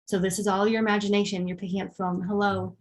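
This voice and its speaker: A woman talks through a personal growth workshop at an easygoing pace. Her voice sits in an ordinary middle range, and she fills her explanations with ums and quick acted examples. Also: mid-range voice, flat delivery, a little hiss or hum. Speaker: workshop presenter. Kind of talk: casual workshop talk.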